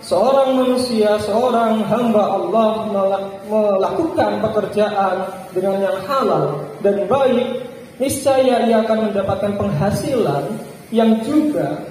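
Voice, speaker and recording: Male preacher giving a Friday sermon, high voice, measured short phrases, deep hall reverb. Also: a little mellow, a little hiss or hum. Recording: echoey hall with long reverb.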